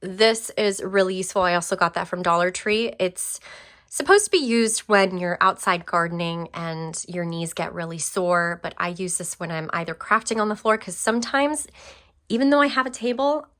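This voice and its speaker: A woman's voice: fairly low pitch, normal speed, a bit bright. Chatty young woman giving a room tour. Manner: chatty, enthusiastic, many fillers and restarts. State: briefly out of breath. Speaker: craft vlogger. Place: home craft room.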